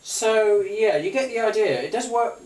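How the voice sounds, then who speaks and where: Sitting at a tabletop indoors, away from the microphone, a male gadget reviewer on YouTube shows off a device in an unscripted, casual, rambling way, hesitating and often saying the same phrases again. His high-sitting voice is expressive and darkish in tone, at a moderate pace. The distant mic gives a roomy sound with faint hiss and clicks.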